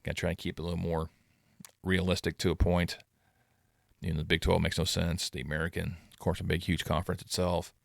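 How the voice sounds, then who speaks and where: A middle-aged man hosting his own sports channel, rambling casually in a self-described monotone. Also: low voice, fairly quick, vocal fry, dry recording, clean studio sound. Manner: rambling, self-deprecating, calls himself monotone. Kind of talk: casual commentary vlog.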